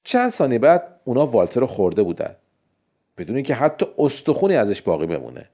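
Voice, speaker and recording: A man's voice: huge pitch swings, dark tone. A man narrating a scary story and lifting his voice for the characters' lines. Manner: voices the characters with raised pitch. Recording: dull lo-fi recording.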